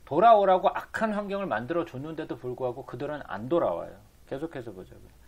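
Teaching from the Bible, this man reads passages aloud between explanations and answers the rhetorical questions he raises. He talks fast and animatedly, at a fairly high pitch.

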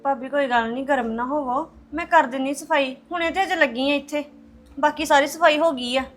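An actress playing an anxious young daughter who frets and pleads. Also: female voice, high-pitched, fairly quick, fairly bright tone, faint music behind. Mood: pleading. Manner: fretful, pleading. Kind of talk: web drama acting.

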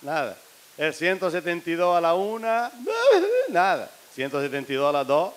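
A man's voice: a little high, brisk. A man telling a string of jokes to a live audience, acting out the characters' lines. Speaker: stand-up comedian.

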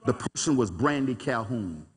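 A man preaching a sermon as pastor, animated and folksy, with call-and-response asides to his congregation. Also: medium pitch, moderate pace, in a large hall. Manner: folksy, colloquial speech. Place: church sanctuary.

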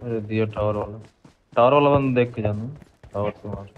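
A man on voice chat with a teammate in a shooter game, making relaxed, quick tactical callouts. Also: lowish voice, phone-quality sound. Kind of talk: casual gaming voice chat.

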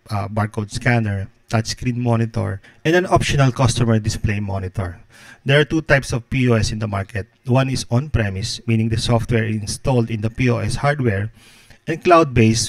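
A man in his thirties talks through a prepared tutorial in a measured, explanatory voice. He sits close to a podcast microphone in a small home studio. The sound is dry, with almost no room echo. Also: medium pitch. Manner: steady explanatory delivery, occasional filler. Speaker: host, business consultant. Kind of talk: scripted tutorial narration. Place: home studio with guitars on the wall. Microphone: close podcast mic in frame.

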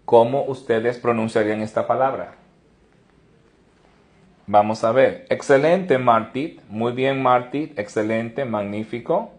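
Slow, deliberate male pronunciation teacher. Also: mid-range voice. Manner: slow, deliberate explanations, warm praise for each viewer. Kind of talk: live online lesson.

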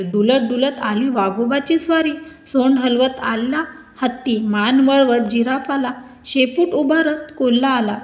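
A woman reading a school textbook story aloud to children, in a clear and expressive storytelling manner. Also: high-pitched, roomy sound. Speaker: narrator.

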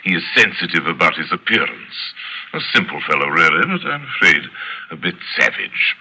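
An actor playing a suave, sinister aristocratic general, speaking with silky, elaborate courtesy in old radio suspense style. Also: male voice, low-pitched, very animated, fairly quick, pushed and bright, heavily acted. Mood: courteous, suave. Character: suave, sinister aristocratic foreign general and big-game hunter. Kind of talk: 1940s radio suspense acting. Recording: noisy old radio drama recording.

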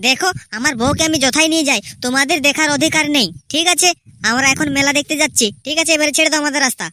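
A woman's voice: sits high, rapid-fire, sharp tone. A woman voicing a defensive indebted husband. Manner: defensive, irritated, firm. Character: indebted young husband, man, stubborn, defensive.

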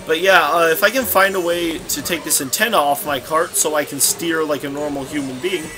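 Speaking briskly in a voice on the high side, this young man offers loose, meandering commentary on a racing game. As a let's play commentator he's scatterbrained and keeps correcting himself partway through sentences, all over background game music.

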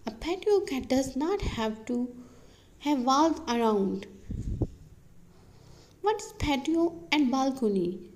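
Woman narrator, slightly high voice, plain read-aloud explainer delivery, occasional slips. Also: lively intonation, slow, long pauses, a little mellow, a little hiss or hum, rough recording. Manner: reads questions and answers like a list, with some slips and restarts.

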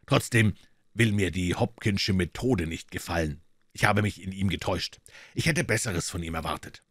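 A man voicing a calm, superior male detective who speaks in a measured, lecturing tone in a storybook reading. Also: sits low, no echo, clean studio sound.

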